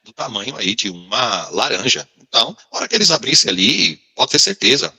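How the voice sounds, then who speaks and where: A pastor explains spiritual gifts in an animated, teaching manner. His voice is bright and husky, and his pitch moves widely. A long reverb hangs behind him. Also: a little fast. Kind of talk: teaching commentary in conversation.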